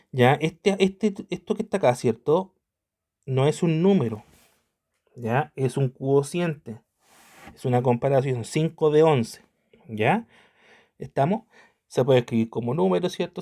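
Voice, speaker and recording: A man's voice: medium pitch, mellow. A man teaching an online math lesson, patient and checking in with his students at almost every step. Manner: patient, checks in constantly with tag questions.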